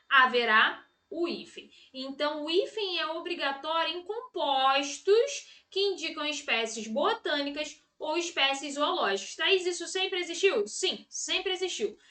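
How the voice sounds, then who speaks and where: A woman from Brazil teaches an exam-prep grammar lesson in a bright, very high voice. She speaks slowly and deliberately, repeats key words and checks in with her students often.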